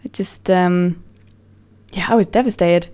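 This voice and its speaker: A woman's voice: lowish voice, fairly even intonation, measured pace, mellow. A woman with a neutral British accent chatting casually to camera, rambling and self-mocking, trailing off with fillers. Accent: neutral British English. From England. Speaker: vlogger.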